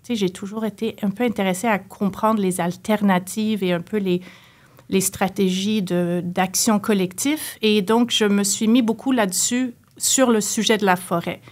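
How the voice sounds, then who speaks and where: A Canadian woman, a university professor, answering interview questions in a thoughtful, hesitant way with many pauses and fillers. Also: mid-range voice, steady tone, a little mellow. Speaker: sociology professor, guest. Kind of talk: academic interview.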